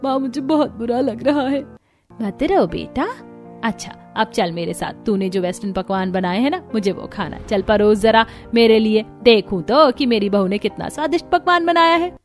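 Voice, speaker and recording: A bossy older mother-in-law from a cartoon story gives curt orders, played by a woman. She is gruff and commanding, yet she dotes on her favorite daughter-in-law. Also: a little high, lively intonation, moderate pace, soft background music, natural voice. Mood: consoling.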